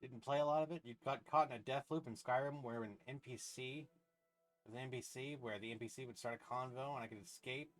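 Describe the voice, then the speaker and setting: A man's voice: medium pitch, fairly even intonation, a little fast, soft background music. A man streaming a game, chatting casually and thinking aloud, often trailing off mid-sentence. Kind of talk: casual gameplay commentary.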